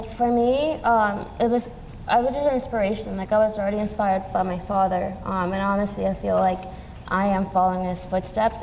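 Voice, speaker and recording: A young Peruvian woman speaks as a student panelist on an event stage in a large hall, answering hesitantly with many fillers. Her voice is medium-pitched and a little mellow, with vocal fry. The hall is reverberant, and faint noise is audible.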